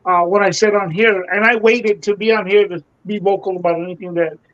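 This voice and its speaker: A man's voice: high voice, steady tone, brisk, fairly bright tone. A man on a live video-call panel, speaking earnestly and hesitantly, often repeating his words. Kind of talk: casual panel chat. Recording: dull lo-fi audio.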